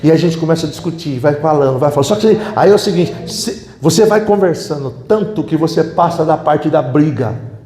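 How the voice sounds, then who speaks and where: A middle-aged man, preaching to couples in a lively, humorous way and questioning the audience. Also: fairly high pitch, moderate pace. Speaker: pastor. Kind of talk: sermon at a couples' retreat. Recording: echoey hall.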